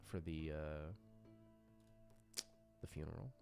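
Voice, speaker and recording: Working through tabletop character sheets, a game master who created his own RPG audio drama chats casually without a script, sometimes murmuring little nonsense noises. His very deep, gravelly voice barely moves in pitch, his delivery is slow, and his tone is dark. Soft music sits behind him.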